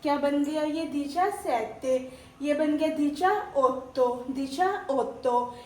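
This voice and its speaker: A woman's voice: sits high, slow. A woman teaching a language lesson, patiently drilling words and asking questions as she goes. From India. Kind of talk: slow teaching with repetition. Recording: echoey room with faint hum.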